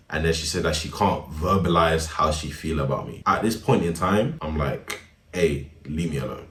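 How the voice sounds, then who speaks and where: Deep-voiced young man, roomy. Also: normal speed, fairly bright tone, distant mic. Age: young adult. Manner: laid-back slangy, laughs often. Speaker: storyteller. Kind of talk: casual storytime narration. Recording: roomy, a bit off-mic.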